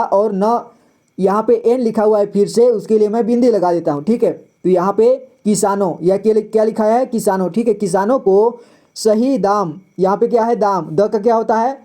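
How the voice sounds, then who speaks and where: Man, teacher, reading lesson, patient, slow repeated syllables, warm mellow tone. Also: high-pitched.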